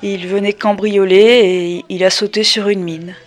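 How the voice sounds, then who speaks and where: A woman voicing an offhand man in army fatigues in a read-aloud novel excerpt, speaking quickly and practically. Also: mid-range voice, level tone, close to an everyday voice.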